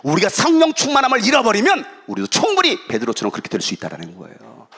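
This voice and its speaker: A middle-aged man preaching a revival sermon as guest pastor, swinging between loud shouting and quiet asides and acting out quoted voices. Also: high voice, huge pitch swings, quick pace, slightly rough.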